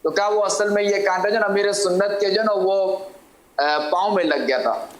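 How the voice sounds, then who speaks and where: Halting man recalling memories, echoey room. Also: sits high. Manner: halting, many filler phrases while recalling. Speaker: guest. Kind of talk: reminiscing in conversation.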